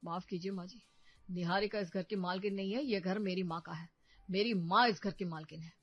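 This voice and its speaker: A woman's voice: fairly low pitch, brisk, highs cut off, soft background music, natural voice. A woman voicing a young husband in a cartoon story who firmly defends his mother. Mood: indignant. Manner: firm, indignant.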